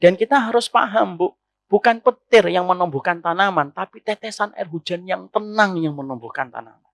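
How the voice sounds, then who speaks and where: A man's voice: high voice, moderate pace, vocal fry, fairly bright tone, no room sound. A man preaching an Islamic sermon to women, often putting rhetorical questions to his listeners.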